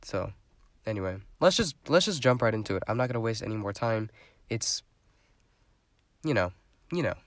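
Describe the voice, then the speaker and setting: A young man hosts his own podcast in a casual solo monologue, rambling and chatty with plenty of fillers and a stuffy, congested voice. His pitch is fairly low and animated, at a moderate pace with long pauses.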